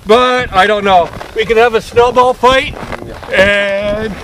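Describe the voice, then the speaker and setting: A middle-aged man talking casually to camera outdoors, halting and good-humoured. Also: high-pitched, fairly even intonation. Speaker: event organiser and presenter. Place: open snowy lakeshore outdoors. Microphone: handheld camera a step or two away. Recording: loud wind noise on camera mic, outdoors.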